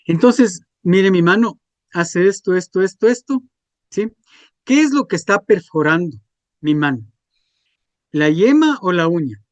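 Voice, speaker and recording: A man's voice: high-pitched, animated, a little slow, long pauses, no echo. A man, teaching a class and checking in with students through frequent questions. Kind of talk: classroom lecture.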